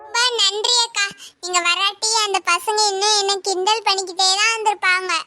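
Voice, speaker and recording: A very high voice playing a timid, tearful young village girl in a cartoon, speaking meekly. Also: fairly even intonation, a little fast, over music. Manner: meek, pleading.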